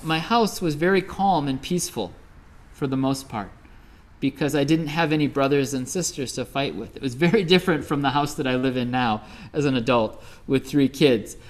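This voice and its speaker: A middle-aged Midwestern man giving a Buddhist dharma talk as a teacher, telling stories conversationally with many fillers. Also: mid-range voice. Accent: Midwestern American.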